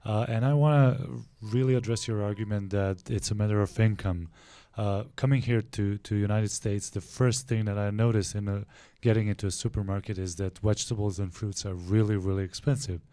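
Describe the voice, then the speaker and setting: A man in his thirties from Serbia with a Serbian accent, asking a halting question into a handheld mic at a panel forum. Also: lowish voice, fairly even intonation, mellow, no echo. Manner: halting, many restarts. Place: lecture room with audience.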